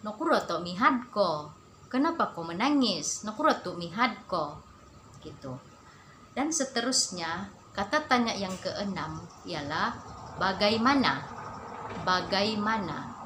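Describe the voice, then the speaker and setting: A woman teaching a spoken language lesson. She repeats each word slowly and stresses the local terms. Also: mid-range voice, background noise. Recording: echoey room.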